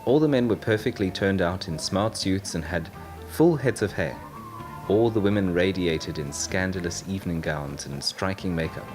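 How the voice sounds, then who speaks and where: Deep-voiced male audiobook narrator. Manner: steady, measured storytelling. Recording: narration over loud music.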